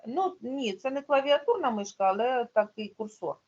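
A woman's voice: on the high side, lively intonation, moderate pace, husky, muffled recording. A woman teaching a primary school class online, explaining patiently step by step.

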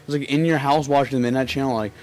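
Brief: young male let's player with a lisp, rambly, jokey, mid pitch. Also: steady tone, very fast, darkish tone, slight background noise. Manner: rambling, joking, laughs at the game. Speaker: let's play commentator. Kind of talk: casual gameplay commentary.

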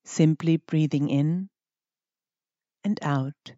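Speaking in short phrases separated by deliberate pauses, a meditation guide walks the listener gently through every step. The voice is mellow, relaxed, and mid-range. It's captured up close with no echo, giving a dry, slightly dull sound.

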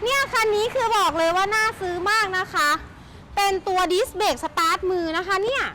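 A woman's voice: very high voice, brisk, bright, forceful tone. A woman presenting a chatty sales walkaround as a shop host, with gushing, enthusiastic patter. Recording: noisy handheld recording with vehicle sounds.

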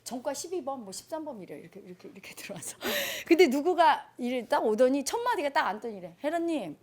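A woman teaches a gathered group in a high, lively voice that swoops widely. She tells stories and acts out the people in them as she speaks. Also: quick pace. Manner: animated storytelling, acting out quoted people. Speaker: spiritual teacher.

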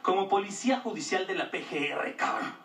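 A man's voice: sits high, lively intonation, a little fast, gravelly, a bit bright. A Mexican man doing a stand-up routine, crude, slangy and self-mocking. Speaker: stand-up comedian. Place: comedy stage before an audience. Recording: roomy club audio, distant mic, noisy.

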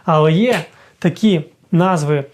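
A man's voice: fairly high pitch, measured pace. A man who teaches English, explaining a grammar point step by step and checking in with viewers as he goes. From Ukraine. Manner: talks to viewers directly, with many fillers and "так?" checks. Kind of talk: explanatory lesson, thinking aloud.

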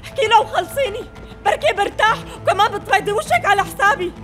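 A scolding Levantine sister. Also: female voice, very high-pitched, expressive, fast talker, fairly bright tone, soft background music. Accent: Levantine Arabic. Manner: mocking, nagging. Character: sharp-tongued woman scolding her sister. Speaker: dubbing actor.

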